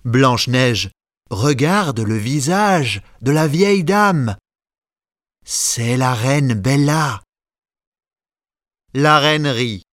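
A man narrating a fairy tale slowly, with careful, expressive reading. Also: mid-range voice, no echo, studio quality. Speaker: storyteller. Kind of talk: slow storybook narration.

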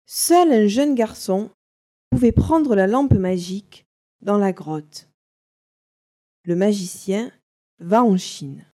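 Woman narrator, slow careful storybook reading, mellow tone. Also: medium pitch. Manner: slow, simple, carefully articulated.

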